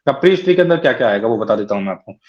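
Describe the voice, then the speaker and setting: Fast-talking man lecturing in a dull recording. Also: medium pitch, expressive, darkish tone. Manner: explains step by step, often checking with "है ना" and "ठीक है". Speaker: teacher. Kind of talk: classroom lecture.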